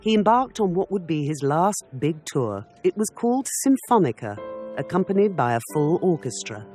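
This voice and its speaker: A man giving scripted documentary narration in a measured, dramatic way. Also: fairly high pitch, sing-song, a little mellow, soft background music.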